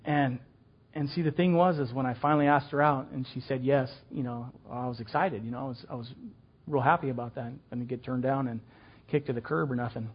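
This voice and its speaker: A man's voice: medium pitch, fairly even intonation, a little fast, breathy edge, muffled recording. An older man teaching a children's ministry class in a casual, folksy way, full of fillers and restarts.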